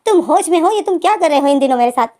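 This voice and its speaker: A woman's voice: high-pitched, animated, quick pace, darkish tone. A woman voicing a hurt, jealous young man who pleads with his partner. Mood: hurt, pleading. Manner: pleading, upset.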